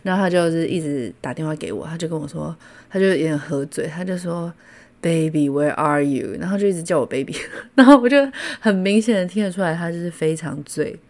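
A woman from Taiwan with a Taiwanese Mandarin accent, hosting a podcast and telling stories in a casual, animated way, laughing often. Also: on the low side, fast talker. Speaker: podcast host. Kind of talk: casual storytelling.

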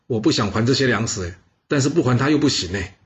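A man's voice: medium pitch, expressive, fast, lo-fi sound, natural voice. A man voicing a wary, calculating vassal king in a storytelling recording, talking in a doubtful, questioning way.

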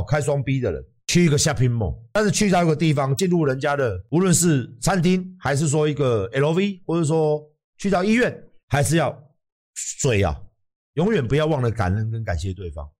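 A man's voice: mid-range voice, a little mellow. Blunt, swearing Taiwanese Mandarin man. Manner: blunt, emphatic, swears freely, acts out quotes. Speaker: livestream host. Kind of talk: livestream rant to viewers.

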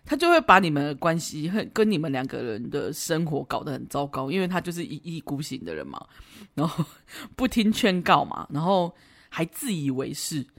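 A woman's voice: low-pitched, big pitch swings, moderate pace. A woman with a Taiwanese Mandarin accent hosts a podcast, giving casual advice in a chatty, teasing way and laughing often. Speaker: podcast host.

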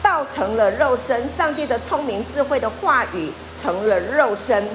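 A woman's voice: fairly high pitch, measured pace, a little hiss or hum. A woman pastor preaching a sermon, often asking her listeners questions. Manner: lively, asks the congregation questions.

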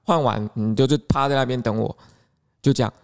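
A curt, gruff massage-shop boss with a Taiwanese Hokkien accent, put on by a man telling a story. He snaps short, teasing orders in a slightly raised voice. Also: medium pitch, fairly quick, natural voice. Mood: brusque. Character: blunt bald male massage-shop owner, gruff, swearing.

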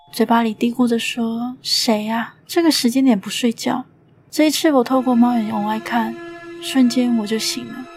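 A woman host tells a ghost story in a tense storytelling manner, slipping into voices for the quoted lines. Her voice sits a little high, with faint music underneath. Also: a little mellow. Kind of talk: dramatic ghost story narration.

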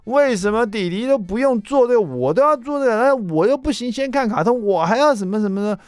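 A man voicing his eight-year-old son, whining high-pitched and drawn-out complaints that it is unfair. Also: animated, clean tone, dry recording, clean studio sound.

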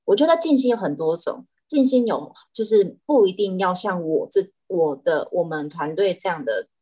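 A woman, an animal communicator chatting as a guest, telling stories in an animated way with frequent restarts. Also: fairly low pitch, normal speed, breathy edge. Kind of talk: casual chat.

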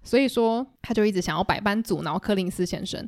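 A woman hosting a podcast, casually retelling a novel in a chatty, animated way. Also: medium pitch, fast talker, no echo, clean studio sound. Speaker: podcast host. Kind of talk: casual book-club retelling.

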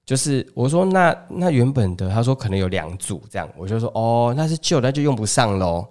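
A man with a Taiwanese Mandarin accent chats on a podcast at a brisk clip, mid-pitched. He tells stories about home life and slips into the voices of relatives as he goes. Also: very animated, darkish tone. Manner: chatty storyteller who acts out family dialogue. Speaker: podcast co-host. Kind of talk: casual chat.

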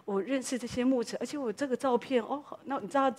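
A woman pastor, preaching a sermon as a lively story full of exclamations. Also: on the high side, quick pace.

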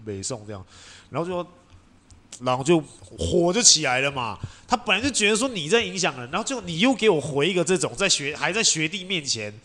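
Fast-talking animated young man. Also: on the high side. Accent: Taiwanese Mandarin. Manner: animated, acts out quoted voices, laughs often. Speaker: podcast host. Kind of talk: casual storytelling chat.

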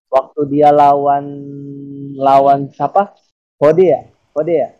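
A young man with a higher, mellow voice walks through his theory piece by piece in a relaxed podcast chat, stopping often to restart a sentence. The audio sounds dull and lo-fi. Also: takes it slowly. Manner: explains a theory step by step, many fillers and restarts. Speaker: podcast co-host. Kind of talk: casual chat.

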